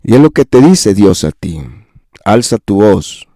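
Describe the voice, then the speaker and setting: Slow, warm-voiced male preacher. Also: on the low side, very animated, no echo. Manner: repetitive lists rising into impassioned pleas; addresses listeners directly as brother and sister. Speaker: pastor. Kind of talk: sermon.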